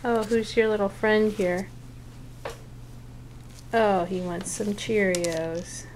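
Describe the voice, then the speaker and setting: A woman's voice: medium pitch, fairly even intonation, takes it slowly, darkish tone, slight background noise, poor audio. A woman talking to a toddler in casual baby talk, coaxing with simple, repeated questions in a home video.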